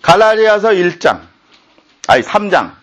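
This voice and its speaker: A man's voice: high voice, big pitch swings, unhurried, a bit bright. A man preaching a sermon as pastor, speaking in an indignant, impassioned way.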